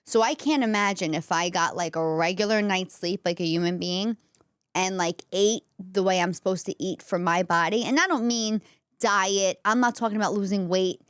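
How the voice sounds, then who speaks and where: A woman's voice: mid-range voice, fairly even intonation, moderate pace, fairly bright tone, smooth, dry recording, clean studio sound. New woman, candid podcast host. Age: 40s. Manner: candid, conversational, addresses listeners directly. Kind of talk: casual solo talk to audience. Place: indoor podcast studio.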